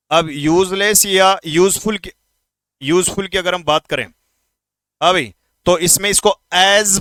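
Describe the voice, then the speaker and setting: A man teaching English grammar in an exam-prep lesson, speaking informally to students and repeating words slowly to drill pronunciation. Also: high voice, fairly bright tone, dry recording. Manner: addresses students informally, asks quick questions.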